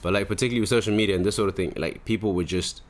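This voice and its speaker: A Zimbabwean man in his twenties hosts a podcast, racing through casual, rambling, slang-filled chat in a deep voice. There's a little hiss or hum in the recording.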